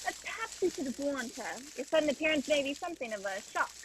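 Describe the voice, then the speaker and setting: A woman's voice: sits high, animated, fast, slight background noise, low-quality recording. A woman playing an earnest, genteel male doctor who narrates an old-fashioned radio detective play. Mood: concerned. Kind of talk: 1940s radio play acting and storytelling.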